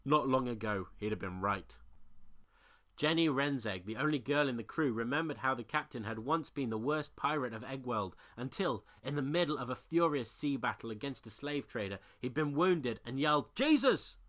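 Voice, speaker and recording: A narrator reading a comic children's storybook aloud with lively, acted-out narration. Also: mid-range voice, normal speed.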